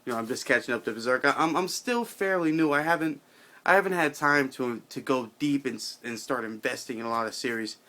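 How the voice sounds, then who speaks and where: A tipsy, tired man rambling casually to his channel's viewers, halting, repeating himself and swearing in loose slang. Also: medium pitch, pushed and bright. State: drunk, somewhat intoxicated and tired. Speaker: video channel host. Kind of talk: casual rambling vlog monologue.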